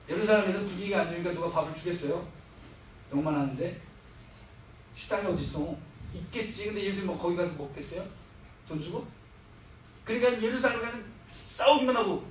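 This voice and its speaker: A man's voice: high-pitched, slight background noise. A middle-aged man preaching as a missionary speaker, telling stories with humor and acting out what people said. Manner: humorous storytelling, acting out quoted lines. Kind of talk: sermon. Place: church hall. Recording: echoey hall, heard from far off.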